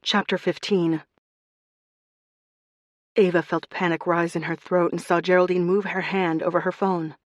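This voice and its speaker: A woman narrating a cozy mystery audiobook in an even, measured way. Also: lowish voice, dry recording, lo-fi sound. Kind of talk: scripted narration.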